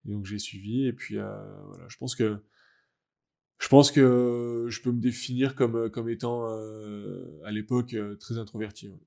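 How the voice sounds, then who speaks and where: A young adult French man, a guest athlete in a casual interview, talking in a halting, reflective way as he searches for words. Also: fairly low pitch, fairly even intonation, gravelly, a little mellow. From France. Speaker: guest, wheelchair rugby athlete.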